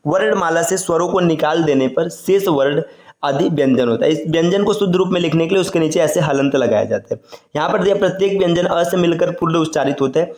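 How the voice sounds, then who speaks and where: A man's voice: a little high, a little mellow, reverberant. A man teaching an online exam-prep lesson, explaining step by step and stretching out sounds as he goes. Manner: explains slowly, drawing out sounds and repeating "है ना".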